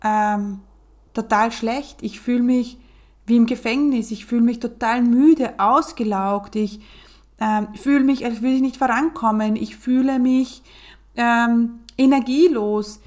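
A worn-out young mother opens up to a trusted friend, confiding and hesitant, pausing as she searches for words, played by a woman. Her voice sits fairly high. She speaks slowly. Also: steady tone, darkish tone. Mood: weary. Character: weary, struggling young mother and client.

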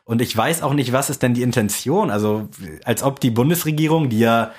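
A young man co-hosting a podcast, rambling along in relaxed, colloquial chat. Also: mid-range voice, fairly quick, slightly rough. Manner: laid-back, rambling, with colloquial slang. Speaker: podcast co-host. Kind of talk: casual chat.

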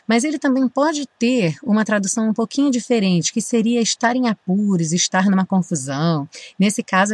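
A woman with a Brazilian Portuguese accent teaching English, spelling out phrases slowly and carefully. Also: mid-range voice, no room sound. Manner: clear, careful, drawn-out enunciation of English phrases. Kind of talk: language lesson, slow sung examples.

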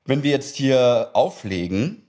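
A young man with an Austrian German accent, co-hosting a podcast and telling self-mocking stories in an expressive, chatty way. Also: medium pitch, takes it slowly. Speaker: podcast co-host. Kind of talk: casual chat.

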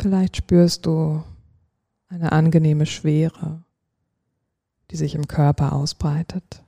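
A calm, soothing narrator guiding a relaxation dream journey like a sleep story, speaking in short, unhurried phrases with long pauses. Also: mid-range voice, creaky, dry recording.

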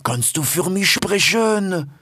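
Man voicing a male caracal, high, pleading, broken grammar, lively swings. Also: slow, slightly rough, no echo, studio quality, exaggerated voice. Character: big male caracal cat, pleading and hunted.

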